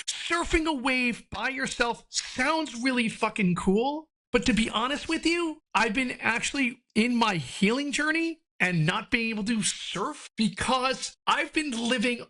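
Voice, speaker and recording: A man's voice: very high voice, a bit bright. A man from New Jersey, a podcast guest talking candidly in a loose, rambling way, swearing freely. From New Jersey, United States. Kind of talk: candid conversational interview.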